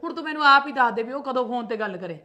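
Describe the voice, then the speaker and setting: A woman plays a protective, sharp-tongued mother in a homemade family skit, speaking with a Punjabi accent. Her voice sits a little high, and she argues and scolds, defending herself at every turn. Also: animated, rapid-fire. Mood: explaining. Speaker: sister-in-law.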